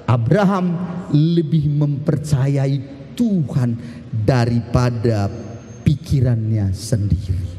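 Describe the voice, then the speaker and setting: A man pastor giving a lively sermon, shifting from sudden shouts to slow, emphatic drops. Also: fairly high pitch, long reverb tail.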